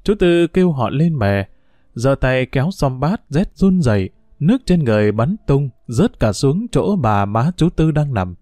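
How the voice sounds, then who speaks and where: Man, storybook narration, measured reading, dry close sound, mid pitch. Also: big pitch swings, dark tone, no echo.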